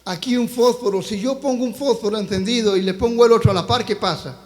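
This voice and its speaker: A man preaching in a church with a strikingly high voice that rings out with long reverb. He tells his testimony with fervent, storytelling passion and keeps turning to the congregation as brothers and sisters. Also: fast. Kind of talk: sermon with personal testimony. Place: church sanctuary.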